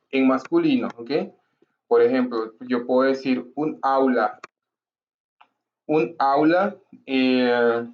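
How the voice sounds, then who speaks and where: A man's voice: mid-range voice, muffled recording. A male language teacher explaining grammar patiently, repeating examples and checking in with his listeners. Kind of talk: grammar lesson to camera.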